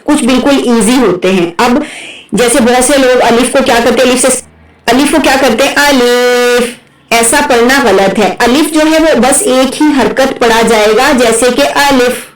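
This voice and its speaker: A woman teaching Quran recitation, explaining letter sounds patiently and drawing them out slowly as she models them. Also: fairly high pitch. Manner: patient, often checks with "right?", draws out sounds slowly when modelling. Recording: echoey room, voice from a distance.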